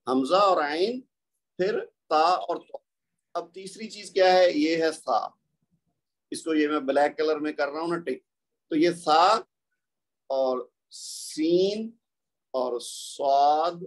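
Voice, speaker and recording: A man teaching a Quran recitation class over a video call, patiently explaining and drawing out letter sounds. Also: fairly high pitch. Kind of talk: online class lecture. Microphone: computer mic on a video call.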